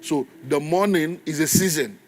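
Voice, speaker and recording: Faint music sits behind a slightly high male voice speaking at a normal pace. The speaker, a man in his fifties with a Nigerian accent, is preaching in a church, emphasizing and repeating key phrases as he leads call and response with the congregation.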